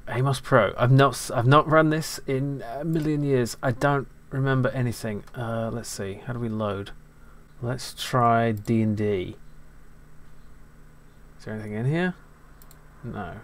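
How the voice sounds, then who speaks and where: A man's voice: mid-range voice, a little hiss or hum. A middle-aged man hosting a retro computing video, muttering casually and mocking himself as he explores old files. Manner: muttering, self-deprecating, quick to laugh. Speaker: retro computing channel host.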